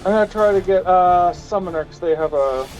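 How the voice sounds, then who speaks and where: A man's voice: sits high, fairly quick, darkish tone, poor audio. A man chatting casually while livestreaming a game, explaining mechanics to a friend. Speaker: gamer. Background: game music.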